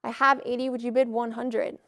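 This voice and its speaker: A woman auctioneer calling bids in a live auction with brisk, formulaic patter. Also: fairly high pitch, little pitch movement, fairly bright tone, no room sound, clean studio sound.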